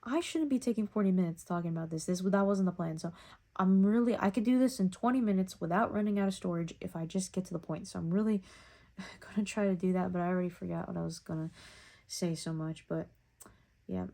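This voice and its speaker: A young woman in her early twenties talks to her phone camera in a loose, reflective vlog. Her voice sits a little low and sounds mellow and relaxed. She rambles, doubles back and fills gaps with "um" and "like". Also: brisk, creaky. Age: young adult. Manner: rambling and reflective, with many fillers. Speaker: vlogger. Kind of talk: casual talking-to-camera vlog.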